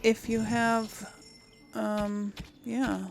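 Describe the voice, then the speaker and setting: This gaming video host murmurs to herself and reads item text aloud while casually commenting on her gameplay and thinking out loud. She has a highish, darkish voice with vocal fry, delivered flatly and very slowly, against slight background noise.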